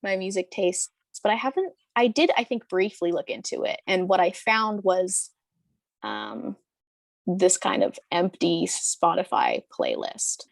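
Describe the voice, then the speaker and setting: A woman's voice: lowish voice, sing-song, a little slow, vocal fry, no room sound. A woman in her early twenties, talking casually as an interview guest, rambling with lots of fillers and restarts. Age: 20s. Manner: rambling, hesitant, many fillers and restarts, laughs often.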